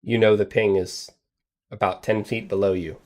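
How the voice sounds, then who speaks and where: A man's voice: lowish voice, little pitch movement, moderate pace, a little mellow. A man working as game master, improvising descriptive tabletop game narration in a conversational way.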